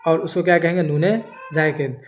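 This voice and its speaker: A man teaching a grammar lesson, slowly spelling out examples and answering his own questions. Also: on the high side, fairly even intonation, slight background noise. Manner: slow, repetitive, asks and answers own questions.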